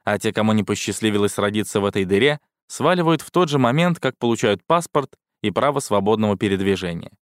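A man's voice: fairly low pitch, lively intonation, fast, few pauses, smooth, dry recording, clean studio sound. A man reading a first-person science fiction audiobook in a wry, sardonic tone. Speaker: audiobook narrator. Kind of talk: scripted first-person sci-fi narration.

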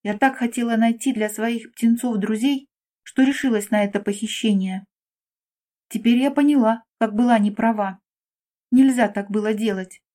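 A woman's voice: fairly high pitch, moderate pace, warm tone, lightly acted. A woman voicing a big mother bird from a children's storybook, stern and threatening, later sorry. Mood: pleading. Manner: threatening then apologetic.

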